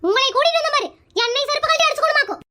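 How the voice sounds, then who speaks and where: Comedy skit: woman as feisty scolding wife, extremely high voice, very rapid delivery, Kongu Tamil accent. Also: over music. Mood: threatening. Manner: scolding, threatening, bickering. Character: feisty wife seeking divorce, scolding her husband.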